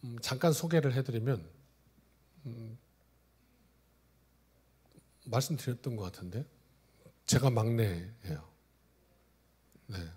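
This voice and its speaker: A male pastor in his forties preaching a sermon, telling stories, swinging from loud exclamations to hushed asides. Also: fairly low pitch, husky. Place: church sanctuary.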